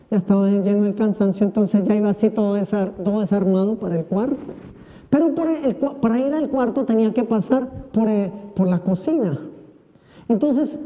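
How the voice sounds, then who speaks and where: A male priest preaching in a church, his voice pitched rather high for a man and very dark and soft in tone. He tells his story with humor and acts out the voices of those he quotes. The sound carries a long reverb from the church hall. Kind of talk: homily with a personal story. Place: church during Mass.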